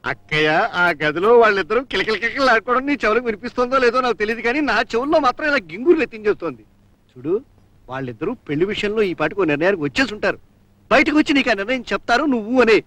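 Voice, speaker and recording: A man's voice: sits high, big pitch swings, very fast, a bit bright, no room sound. A scheming comic father. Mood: sly. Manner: theatrical, wheedling, repeats a pet word. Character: scheming boastful middle-aged father, comic. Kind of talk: old film drama dialogue. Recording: old film soundtrack with music.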